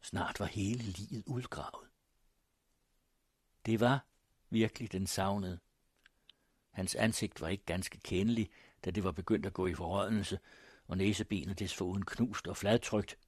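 Man reading a story, husky low voice, grave and measured, dry close mic. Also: no room sound. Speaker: audiobook narrator. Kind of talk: first-person storybook narration.

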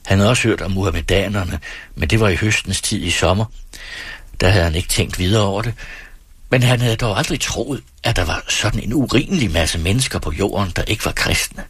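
A man narrating a novel as an audiobook in a calm, measured reading voice. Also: sits low, breathy edge, dry recording.

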